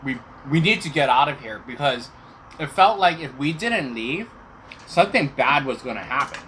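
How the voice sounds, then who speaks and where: Middle-aged man, casual storytelling, talking while chewing, clear background noise. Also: on the high side, expressive, moderate pace, pushed and bright. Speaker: vlog host telling personal stories.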